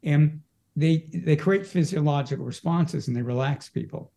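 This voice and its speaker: An energy practitioner, a man, explains his practice as a guest in a casual conversational interview, frequently restarting his sentences. His voice is slightly high, gravelly and dark, at a moderate pace.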